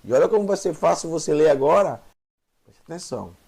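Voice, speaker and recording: A man's voice: fairly high pitch, animated, brisk, vocal fry, a little mellow, slightly rough. A man teaching a Hebrew lesson, patiently repeating each letter sound and encouraging the learner. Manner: encouraging, asks the viewer questions. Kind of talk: online language lesson.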